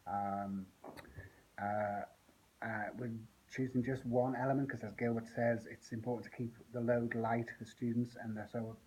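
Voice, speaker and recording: A man, an English language teacher, talking through the plan and rationale for a lesson, unscripted and thinking aloud with frequent pauses. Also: mid-range voice, little pitch movement, darkish tone, slightly rough, rough recording.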